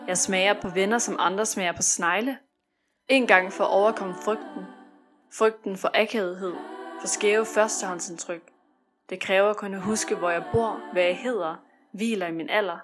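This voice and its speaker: Female poetry reader, mid-range pitch, hushed and brooding, over a music track. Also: fairly even intonation. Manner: intimate, brooding recitation rising to anguished shouts.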